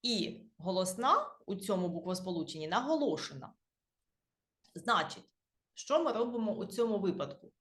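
Animated Ukrainian woman teaching grammar. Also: medium pitch, roomy sound. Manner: patient, spells out endings letter by letter, repeats key words. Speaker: English teacher. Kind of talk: explaining grammar to beginners.

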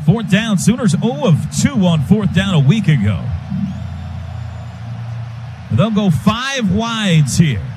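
Speaking slowly with long pauses, this high-pitched American man delivers radio play-by-play of a football game. His clipped, excited calls climb with each play, while loud crowd ambience roars behind him.

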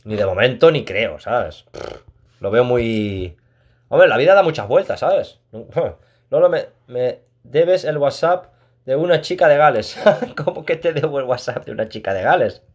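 A man's voice: mid-range voice, animated, measured pace, darkish tone. Chatty man streaming a game. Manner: chatty, laughs often, reads chat aloud. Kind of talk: casual live-stream chat. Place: room at home.

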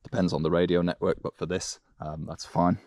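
Out on a woodland bike trail, a man gives a live spoken demonstration of an action camera. His low voice is level, darkish and fairly quick, with no room sound, though outdoor noise and clicks come through.

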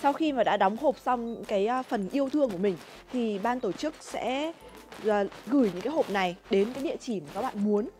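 Fast, high-voiced young woman presenting. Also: expressive, a little mellow. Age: young adult. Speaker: vlog host. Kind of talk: casual explaining to viewers. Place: indoor fruit packing workroom. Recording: music behind workroom talk.

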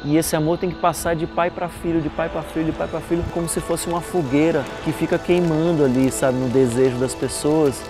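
Reflective musician, music underneath. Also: male voice, on the high side, fairly even intonation, fairly quick, few pauses. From Salvador, Brazil. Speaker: singer and composer. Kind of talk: documentary voice-over and on-location talk.

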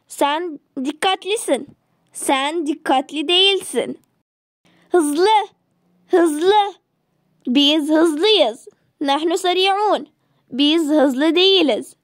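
Woman, high voice, slow deliberate drill-style delivery, dry close recording; for a language teacher reading vocabulary. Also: no echo. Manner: repeats each word, then short example sentences with Arabic glosses.

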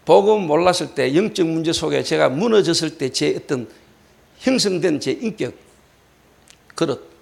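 Pastor guy, high voice swinging all over, acts out the yelling bits mid-sermon. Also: moderate pace, gravelly, long pauses. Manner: animated storytelling, acting out shouted quotes. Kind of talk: sermon with personal story. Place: church hall.

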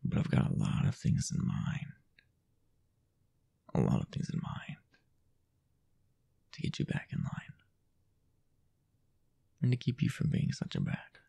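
A voice actor improvises an intimate boyfriend audio roleplay, playing a possessive, jealous, dominant young man with a deep, gravelly, warm voice. His pitch swings wildly and the heavily acted delivery is teasing and dominant, halting, with breathy half-whispered asides.

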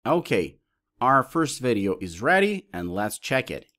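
Man, tutorial presenter, lively up-and-down delivery, listing options step by step, mid-pitched voice. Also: unhurried. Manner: lists options step by step, explaining as he clicks. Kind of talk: screen-recorded tutorial walkthrough.

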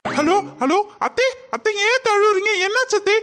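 A man's voice: very high-pitched, big pitch swings, moderate pace, bright, forceful tone, heavily acted. A man voicing a worried young husband who keeps asking anxious questions on the phone in a cartoon. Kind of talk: cartoon voice acting.

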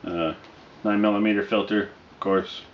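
Guy in his 30s doing a laid-back review, kinda halting, lowish voice, dull echoey room sound. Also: steady tone. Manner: halting, unhurried, low-key. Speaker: pipe tobacco reviewer. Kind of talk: casual product review to camera. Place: small dim living room, indoors. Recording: dull, roomy sound with faint noise.

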